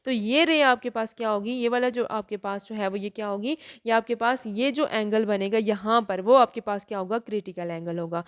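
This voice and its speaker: A woman teacher walks students through a physics lesson. Her voice sits a little high. She talks patiently, posing questions and answering them herself. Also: smooth. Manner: explains step by step, asks and answers her own questions.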